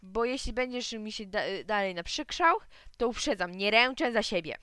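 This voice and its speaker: A woman's voice: mid-range voice, lively intonation, moderate pace, fairly bright tone, clean tone, no room sound, close to an everyday voice. A woman reading a tired, exasperated father in a storybook. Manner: weary, exasperated. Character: tired irritable father wanting peace.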